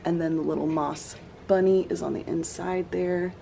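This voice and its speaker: Chatty woman, gravelly low voice. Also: normal speed, slight background noise. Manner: chatty, relaxed, Southern "y'all". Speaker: vlogger. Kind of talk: casual vlog talk to camera. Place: home living room.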